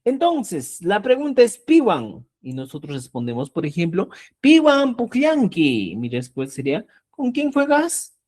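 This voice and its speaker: A woman teaching a live online language lesson. She explains patiently, repeats example words slowly and keeps checking in with her students. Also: mid-range voice, wildly swooping pitch, darkish tone.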